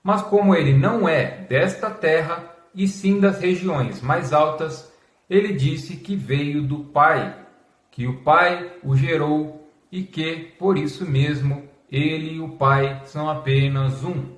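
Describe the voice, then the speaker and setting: A Brazilian man hosting a scripted explainer in a formal, measured lecturing manner, reading out as if dictating. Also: on the high side. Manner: measured, formal reading that announces quotation marks aloud, as if dictating. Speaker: host of a religious history channel. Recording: echoey, reverberant room.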